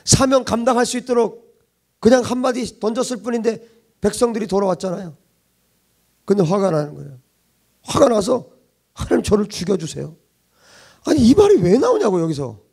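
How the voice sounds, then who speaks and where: A man preaching a sermon in a fairly high voice, pressing his points with repeated rhetorical questions. He swings from loud urgency down to hushed, almost whispered tones. A gravelly rasp runs through his delivery. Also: very animated, brisk, pauses often. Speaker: pastor.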